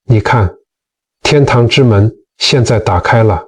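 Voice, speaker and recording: A man voicing a calm, stern old male Zen master who speaks coldly and curtly, within a storytelling talk. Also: lowish voice, measured pace, husky, distant mic. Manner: cold, curt scolding.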